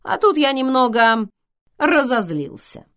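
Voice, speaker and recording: A woman's voice: high-pitched, sing-song, a little slow, a bit bright, pitched above the performer's own voice, heavily acted. A woman voicing a modest, earnest young man who is a little shy.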